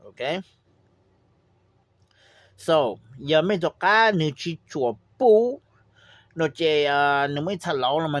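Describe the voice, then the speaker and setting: A man's voice: fairly high pitch, no room sound. A man giving a casual spoken lesson on raising birds, switching into English phrases and often checking in with listeners. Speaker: poultry trainer giving advice.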